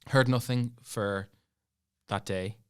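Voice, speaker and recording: Smooth and lowish, this young Irishman takes it slowly as he tells a personal story in casual chat on a podcast. He animates the retelling by acting out dialogue and adding asides with a laugh.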